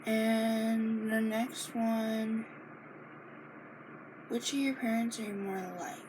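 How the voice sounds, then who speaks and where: A young woman from Maine answering a list of personal questions in a casual sit-down video, reading each question aloud and pausing often with fillers and restarts. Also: fairly high pitch, flat delivery. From Maine, United States. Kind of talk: casual Q and A monologue. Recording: noisy home recording.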